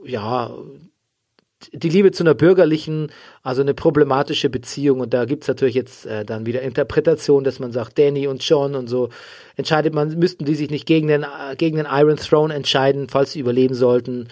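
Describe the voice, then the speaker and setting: A man hosting a casual podcast recap, joking and rambling with drawn-out hesitations. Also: medium pitch, steady tone, darkish tone. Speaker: podcast host. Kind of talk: casual chat recapping a TV series.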